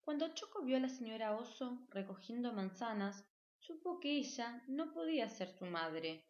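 A woman narrating a children's picture book in a clear, expressive storytelling manner. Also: on the high side, normal speed, reverberant, highs cut off. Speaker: audiobook narrator.

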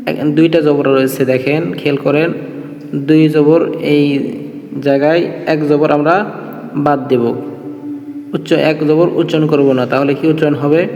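A man with a Bangladeshi Bengali accent teaching Tajweed, spelling out letters and vowels and then reciting the words slowly in a melodic chant. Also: on the high side, a little mellow, dull audio. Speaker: Quran reading teacher. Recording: echoey, reverberant room.

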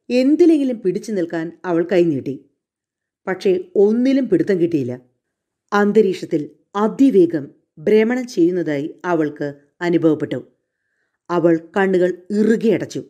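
Slow dark-toned woman storyteller. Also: lowish voice. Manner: measured, dramatic reading. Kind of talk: suspense story narration.

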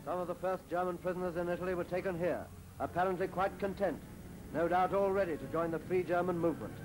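A man reading scripted commentary for an old wartime newsreel in a brisk, wry announcer manner. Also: sits high, steady tone, noisy background. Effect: old wartime newsreel narration. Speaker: newsreel narrator. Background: music under the narration.

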